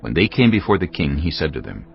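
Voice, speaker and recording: A deep, low-voiced male narrator performs scripture dramatically, his intonation swinging widely as he talks fast and with great animation. Music sits clearly behind him, and the lo-fi recording sounds somewhat dull.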